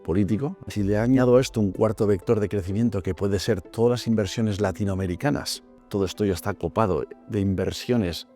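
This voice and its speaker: A man in his fifties from Madrid, a private bank executive speaking in a corporate interview, measured and pausing often with "eh". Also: fairly low pitch, mellow, faint music behind. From Madrid, Spain. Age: 50s. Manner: measured, with frequent "eh" pauses.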